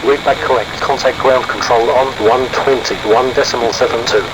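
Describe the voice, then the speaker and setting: Male air traffic controller, flat delivery, medium pitch, formal radio phrasing. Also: moderate pace. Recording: loud aircraft engine noise.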